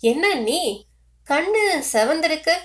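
A woman voicing a young medical student who speaks briskly and with concern. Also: high-pitched, animated, voice pushed up.

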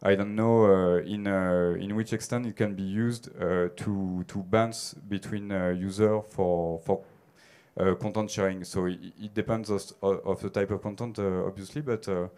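Hesitant French-accented man, smooth low voice. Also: fairly even intonation, normal speed, a little mellow. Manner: hesitant, many filler sounds and restarts. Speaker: conference speaker. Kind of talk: conference Q&A answers. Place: stage of a theater hall. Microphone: handheld mic.

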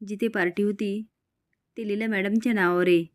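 A curt male police inspector, voiced by a woman narrator. His lines are quieter and clipped, at a middle pitch. The recording is dry. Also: steady tone, normal speed, no room sound, lightly acted.

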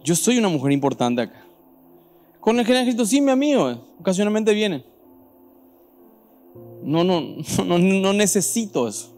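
A man's voice: high-pitched, big pitch swings, moderate pace, pauses often, a little mellow, soft background music. A man voicing a proud, self-important wealthy woman, boastful and dismissive.

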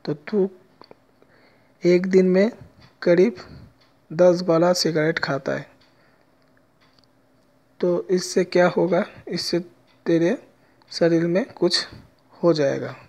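A man telling a personal story with a moral in a slow, halting way, with many pauses. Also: sits high, darkish tone. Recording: dull lo-fi recording.

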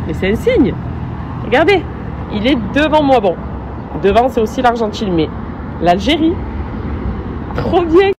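A young woman chatting casually to her followers in an expressive, slangy way, recorded on a handheld phone. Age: young adult. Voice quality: rough, croaky morning voice. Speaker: influencer vlogging her trip. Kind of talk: casual vlog chat to followers. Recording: noisy phone recording with ambient rumble.

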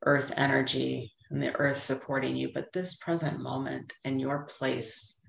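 Creaky-voiced woman leading calm grounding meditation. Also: a bass voice, slight background noise. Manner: calm, soothing, unhurried with long pauses. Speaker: meditation guide. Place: indoor room with plain wall, on a video call. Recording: roomy, echoey video call audio.

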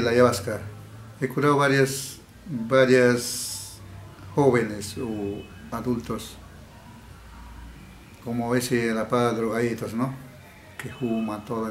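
A man's slow, halting interview answers come in a steady, mid-range tone, broken by frequent restarts and repeated words. He is a healer from the Peruvian Amazon, recorded in an echoey indoor room with faint background hiss.

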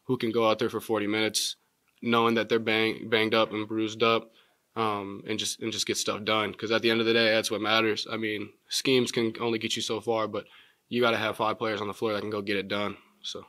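A young man in his twenties, a college basketball player answering postgame press questions in a measured way with many filler words, seated at a table mic in a press room. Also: on the low side, little pitch movement, sharp tone, dry recording. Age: 20s. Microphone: table mic in front.

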